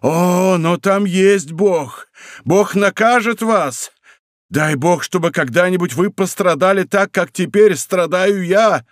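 A man's voice: high voice, slow pace, no echo, studio quality, pitched above the performer's own voice. A man voicing a dying, poisoned soldier who cries out in terror and accuses those around him. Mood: anguished accusing. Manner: anguished, pleading outcries.

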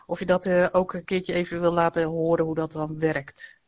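A woman's voice: fairly low pitch, level tone, normal speed. Woman chiming in on a voice chat, lots of ehms, muffled lo-fi sound. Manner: hesitant with many fillers. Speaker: participant in a voice chat. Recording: dull lo-fi voice chat audio.

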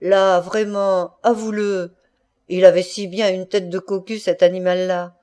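A jealous middle-aged husband, voiced by a woman reading a storybook, badgering and insistent, stammering when shaken. His pitch swings widely from line to line over a dark, mellow tone. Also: animated, measured pace, lightly acted. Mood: coaxing.

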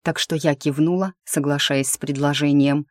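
A woman reading a first-person fantasy audiobook in a lively, wry storytelling manner. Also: low voice, normal speed, no room sound, studio quality. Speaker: audiobook narrator. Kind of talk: scripted fantasy narration.

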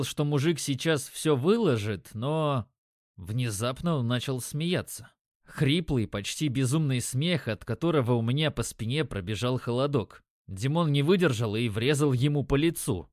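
A man narrating a story in a steady, measured audiobook style. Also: medium pitch, dry recording, clean studio sound.

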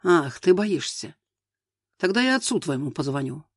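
A bossy, scolding mother-in-law, as a male reader puts her on in an audiobook. She speaks slowly and harshly, hammering home every reproach. The voice sits fairly high for a man, with a dry, close sound. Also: big pitch swings, breathy edge, no room sound. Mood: berating. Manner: harsh, reproachful, slow and emphatic. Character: domineering, scolding middle-aged mother-in-law.

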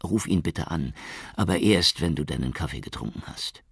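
A man voicing a hoarse, weary middle-aged police chief who broods and schemes in an audiobook. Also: rumbling low, lively intonation, moderate pace, fairly bright tone, no echo, studio quality, exaggerated voice. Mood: calculating. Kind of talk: audiobook character voice.

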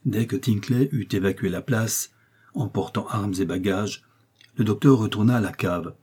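A man reading a classic novel aloud as an audiobook, in a measured storytelling manner. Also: lowish voice, darkish tone, husky. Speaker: audiobook reader. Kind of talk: literary audiobook narration.

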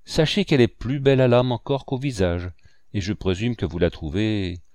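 Un vieil oncle peintre, bourru et taquin, que fait un lecteur à la voix grave, au ton sec et moqueur. Le son est mat et proche, sans aucune réverbération. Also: male voice, fairly low pitch, normal speed, a little mellow, no echo, natural voice.

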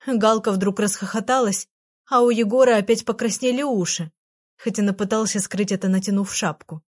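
A woman reads a children's story, telling it with expressive, lively phrasing. Her voice sits at a middling pitch. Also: normal speed. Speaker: narrator.

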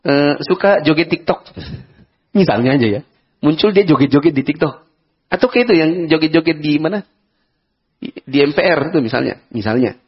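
An Indonesian-accented man leads a religious study lecture in a husky voice. He talks in a conversational way, asking his listeners questions and acting out examples as he goes. The recording sounds dull and lo-fi. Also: a little high, animated, brisk, pauses often. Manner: conversational, asks the audience questions, acts out examples. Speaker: Islamic lecturer.

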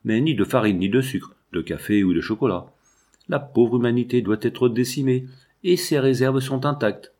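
An earnest young scientist who speaks hopeful, solemn lines a little higher than the narration, as a male reader voices him. The storybook voice stays plain and steady. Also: normal speed, close to an everyday voice. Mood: calm.

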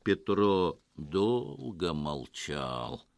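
Slow, expressive male storyteller. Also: low voice, gravelly, no echo. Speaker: audiobook narrator. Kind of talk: scripted narration.

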